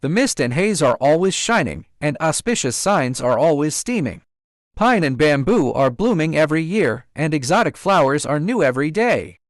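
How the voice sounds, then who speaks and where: Here a man performs the part of a bold, proud, joyful young stone monkey who shouts to the troop in short, repeated exclamations. The voice is slightly high with lively pitch movement, at a normal speed. It's a dry recording with no surrounding room.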